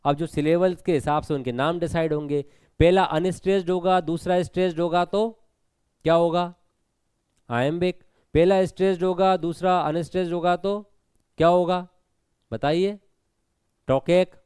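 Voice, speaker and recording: Male teacher with a Hindi accent, higher-pitched voice and smooth tone, takes students through exam prep patiently. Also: fairly even intonation, normal speed, pauses often, darkish tone, no echo. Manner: explanatory, repeats points, asks students questions.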